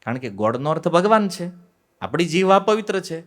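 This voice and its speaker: A man gives a devotional lecture on scripture in a somewhat raised voice. He tells the story with rhetorical questions and acts out the quoted voices, switching between loud stresses and dropped, quiet asides. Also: a little high, big pitch swings, brisk. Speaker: devotional speaker on the Bhagavad Gita.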